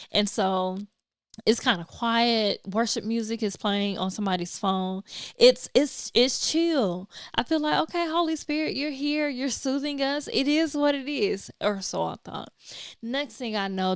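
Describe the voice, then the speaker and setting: A woman podcaster telling a personal faith story, acting out her own reactions in lively, animated storytelling. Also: medium pitch, creaky, dry recording, studio quality. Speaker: podcaster and videographer. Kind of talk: personal testimony vlog.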